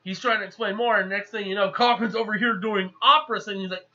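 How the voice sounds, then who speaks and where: High, bright-voiced man recapping a movie. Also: fast talker. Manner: chatty, animated, acts out characters. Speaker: movie reviewer. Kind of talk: casual rambling plot recap. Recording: slightly muffled lo-fi recording.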